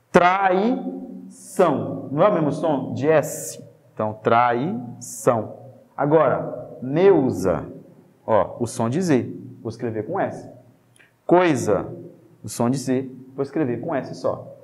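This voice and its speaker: A man with a Brazilian Portuguese accent teaching a spelling lesson, lively and jokey, checking in with the class through quick tag questions. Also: mid-range voice, big-room sound.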